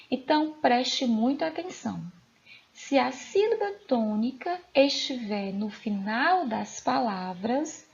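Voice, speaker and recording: Slow, gravelly-voiced Brazilian woman teacher. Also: a little high, muffled recording. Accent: Brazilian Portuguese. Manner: slow, emphatic, repeats rules and asks questions to the pupils. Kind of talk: recorded classroom lesson for children.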